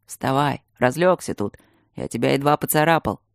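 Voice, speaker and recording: A woman reading an audiobook voices a stern male sword master who speaks curtly and gruffly. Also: very deep voice, normal speed, no room sound, studio quality. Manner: curt, gruff.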